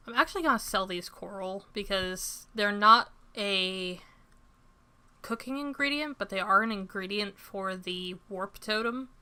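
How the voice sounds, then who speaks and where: A woman's voice: mid-range voice, unhurried, bright, forceful tone, clear, resonant tone. A young woman streaming a farming game, chatting casually and making self-deprecating asides as she plays. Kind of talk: casual gameplay commentary.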